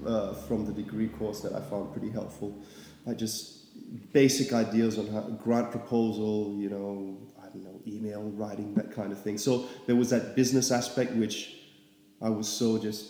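A young Singaporean artist speaks at normal speed as a relaxed, rambling interview guest, his sentences full of ums and asides. His dark, mellow voice sits a little low, and the very echoey room trails a long reverb after each phrase.

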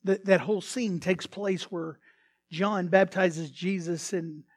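A man preaches to his church in a loose, conversational way, stumbling into restarts and acting out quoted lines as he goes. His voice sits notably high for a man. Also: steady tone, slow. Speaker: pastor. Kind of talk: sermon.

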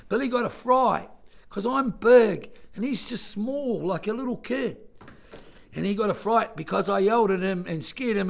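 Gravelly older New man. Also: sits high. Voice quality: worn-out voice. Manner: plain-spoken, earnest, rambling with self-corrections. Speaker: storyteller visiting a school class. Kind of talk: personal story told to children.

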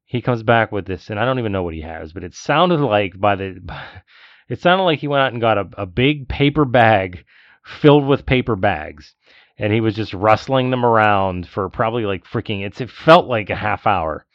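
Low-voiced guy ranting on a podcast, dull dry lo-fi sound. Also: moderate pace, no echo. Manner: animated storytelling, ranting. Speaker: podcast co-host. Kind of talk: casual chat.

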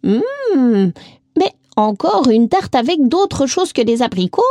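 A woman's voice: big pitch swings, slow pace, mellow, no room sound, heavily acted. Woman putting on a stubborn grumpy old lady. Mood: delighted. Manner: squeals up high and drawls when delighted. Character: grumpy, stubborn old woman who loves apricot tart.

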